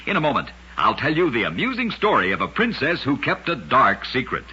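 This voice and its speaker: An emphatic, dramatic storyteller, this man narrates short scripted tales as the host of a radio oddities program. His mid-range voice is very forceful, bright-edged, and distinctly rough and husky, swooping wildly in pitch at a brisk pace. The old radio recording sounds muffled.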